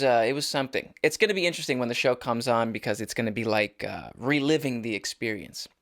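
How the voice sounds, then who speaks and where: A man's voice: medium pitch, a bit bright. Young adult male, solo podcast host, casual rambling delivery with self-interrupting restarts. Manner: rambling, restarts often, joking asides.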